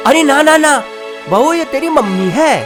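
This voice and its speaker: A calm old Haryanvi village father-in-law, good-natured and soothing, talking in slow rural dialect in a comedy village play. The pace is unhurried, with a touch of music behind him. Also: very high-pitched. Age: older.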